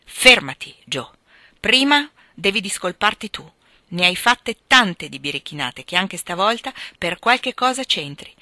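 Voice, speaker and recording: A woman's voice: fairly high pitch, normal speed, hardly any pauses, pushed and bright, dry recording, pitched above the performer's own voice. A woman reading aloud and voicing a firm, authoritative mother in a storybook reading. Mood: commanding. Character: stern, commanding mother of four daughters.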